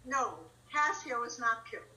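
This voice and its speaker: A woman's voice: fairly high pitch, normal speed, a crowd in the background, close to an everyday voice, low-quality recording. A woman reading the part of a loyal, outspoken lady's maid in an online Shakespeare reading, with emphatic, impassioned delivery. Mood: urgent. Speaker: reader in an online play reading. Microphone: video call.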